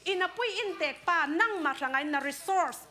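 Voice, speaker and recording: Woman, preacher, sermon, conversational, high pitch, bright tone. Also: lively intonation, normal speed. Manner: conversational preaching, mixes in English words.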